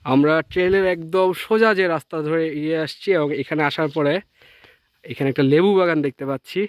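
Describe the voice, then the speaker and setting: A man's voice: on the high side, fairly quick, no echo. A man from Bangladesh narrating a casual travel vlog as he walks outdoors on rural trails, chatting and mixing in English words. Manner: chatty, relaxed commentary mixed with English words. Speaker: travel vlogger. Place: outdoors on rural trails, village and tea garden.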